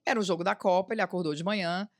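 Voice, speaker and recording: A woman's voice: fairly low pitch, fairly even intonation, rapid-fire. A woman tells a personal story as a podcast guest on a studio mic. She acts out the voices of the people she quotes. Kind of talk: casual storytelling.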